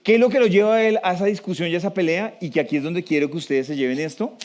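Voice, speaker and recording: A man with a fairly high, darkish-toned voice speaks to a live audience in a conversational manner. He frequently puts questions to the room and slows down to emphasize key points.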